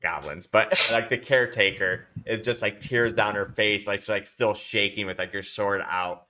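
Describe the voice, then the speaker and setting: A man's voice: fairly low pitch, fairly even intonation, moderate pace, pushed and bright, highs cut off. Man narrating as game master, rambling. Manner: loose, rambling narration with many fillers.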